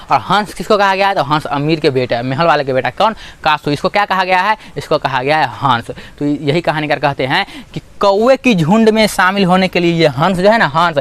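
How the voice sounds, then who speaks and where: A man's voice: a little high, fairly bright tone, smooth. A man explaining a school literature chapter as a teacher, asking and answering his own questions over and over.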